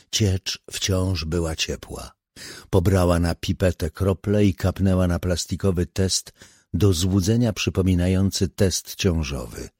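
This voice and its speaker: Deep-voiced male audiobook narrator. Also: slightly rough, no room sound, clean studio sound. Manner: measured, steady storytelling. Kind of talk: scripted narration.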